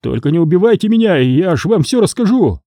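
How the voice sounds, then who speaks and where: A man's voice: high voice, very animated, brisk, dry recording, studio quality, voice pushed up. A man voicing a brash young male thug who mocks and threatens his victim. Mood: pleading. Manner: mocking, coarse, loud.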